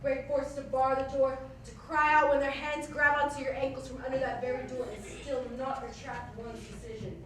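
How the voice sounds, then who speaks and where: A woman's voice: sits high, level tone, normal speed, few pauses, natural voice. A woman on stage playing a proud, cold evil queen with an imperious, menacing delivery. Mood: cold menace. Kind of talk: theatrical stage acting. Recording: echoey theatre, far-off mic, faint noise.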